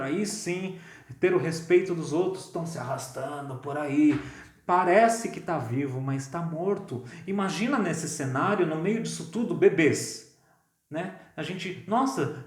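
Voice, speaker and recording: Brazilian pastor, slightly high voice, casual lively sermon, echoey room. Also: male voice. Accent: Brazilian Portuguese. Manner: conversational, lively, keeps asking "né?". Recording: roomy echo.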